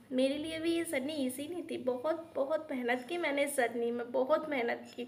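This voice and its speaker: Woman in her 30s, high voice; earnest personal vlog, faint background noise. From Uttar Pradesh, India. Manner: earnest and heartfelt, mixing English words, with many restarts. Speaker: teacher and YouTuber.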